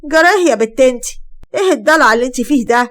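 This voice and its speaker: A woman's voice: high-pitched, animated, rapid-fire. A woman voicing a bossy middle-aged mother-in-law who scolds sharply, with an Egyptian accent. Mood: scolding.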